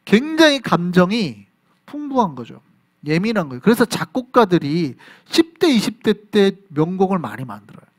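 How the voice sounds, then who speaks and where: A man from South Korea, a pastor preaching an animated sermon at a Friday prayer service in church. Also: sits high, normal speed. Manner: animated preaching, acts out voices and reactions. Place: church sanctuary.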